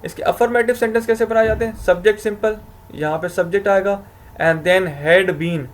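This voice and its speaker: Male grammar teacher, slightly high-pitched, talks through rules with frequent self-corrections. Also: fairly even intonation, normal speed. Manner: explains step by step, asks himself questions, self-corrects with "sorry". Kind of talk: recorded video lecture.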